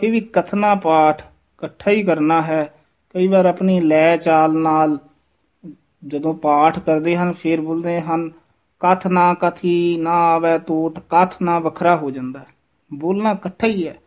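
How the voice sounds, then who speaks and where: A man teaching the correct pronunciation of scripture, slowly repeating and demonstrating each word. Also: a little high, fairly even intonation, a little mellow. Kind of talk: pronunciation lesson.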